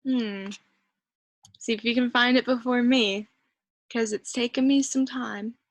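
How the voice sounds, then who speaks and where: A woman teacher with a steady, slightly high voice speaks at a measured pace in a dry recording. Her reading comprehension lesson has her patiently going through a worksheet, encouraging students and thinking aloud as she searches the text.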